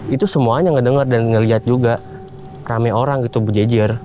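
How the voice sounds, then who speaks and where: A man's voice: medium pitch, a little fast, a little hiss or hum. Young man telling a story in slang. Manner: animated retelling in casual Jakarta slang, acts out quoted voices. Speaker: guest storyteller. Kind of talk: casual storytelling.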